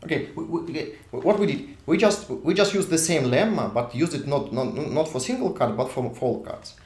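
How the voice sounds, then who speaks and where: Animated and speaking at normal speed, a Russian-accented man from Russia gives a university lecture in a fairly high, slightly mellow voice. At the whiteboard he reasons aloud while drawing, repeatedly restarting and repeating words, and in the echoing lecture hall he drifts off mic.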